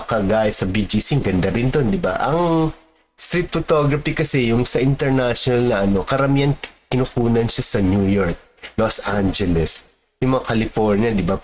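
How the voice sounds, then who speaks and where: A man's voice: lowish voice, darkish tone, a little hiss or hum. A man from the Philippines, a street photographer, talking casually and reflectively, with many fillers and tag questions.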